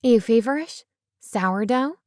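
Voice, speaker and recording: Folksy waitress who calls everyone darlin', read by a woman narrator, pitched up and lively, dry recording. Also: slow pace, no room sound. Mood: chatty. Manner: warm drawl, calls people darlin'.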